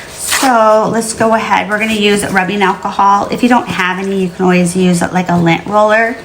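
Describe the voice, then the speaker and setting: A woman giving a casual hands-on tutorial as host, with gushing, drawn-out delight in her delivery. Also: mid-range voice, a little hiss or hum, low-quality recording.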